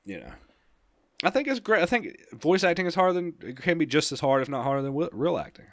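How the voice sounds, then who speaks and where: A man's voice: fairly high pitch, very animated, quick pace, fairly bright tone, dry recording, studio quality. A young man co-hosting a casual gaming podcast, rambling and enthusiastic, laughing often. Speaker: podcast co-host.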